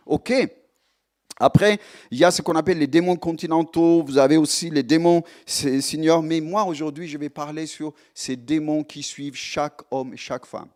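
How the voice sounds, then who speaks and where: A middle-aged male pastor from Ethiopia preaching a sermon, animated and emphatic, repeating phrases for force. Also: fairly high pitch, normal speed.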